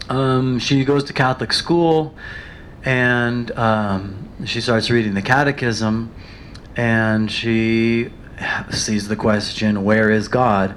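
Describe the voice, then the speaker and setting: A man reading passages aloud and retelling them in his own words, pausing with fillers, his throat a little dry. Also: medium pitch, steady tone, a bit bright, slight background noise. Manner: reads quoted passages, then paraphrases with pauses and fillers. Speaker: reader of a biography.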